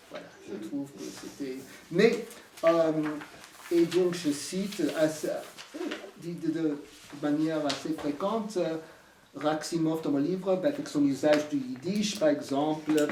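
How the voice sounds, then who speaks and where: A man with an American accent giving a halting talk about his book, full of fillers and restarts. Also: a little high, darkish tone, slight background noise. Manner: hesitant, many fillers and restarts. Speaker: author presenting his book. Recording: echoey room from far off.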